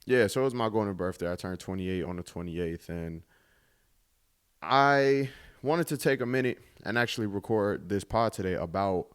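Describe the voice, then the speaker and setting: Laid-back young man, smooth low voice. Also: normal speed. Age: 20s. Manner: laid-back, reflective, drops casual swearing. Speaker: podcast host. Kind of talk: casual solo podcast monologue.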